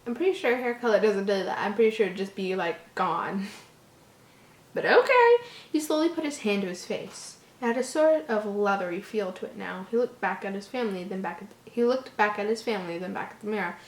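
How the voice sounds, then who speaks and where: In an echoey home recording, a woman works through a horror story with casual asides, stumbling on words and stopping to laugh in disbelief. Her pitch is medium, her delivery animated and fairly quick.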